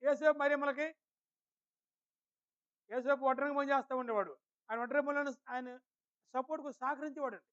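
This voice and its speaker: A male preacher with a notably high voice delivers a Sunday sermon in church and keeps questioning the congregation. His words turn slow and weighty when he reads scripture, and the recording sounds dull and lo-fi. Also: fairly even intonation, a bit bright. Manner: questions the congregation and calls on people by name. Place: church service.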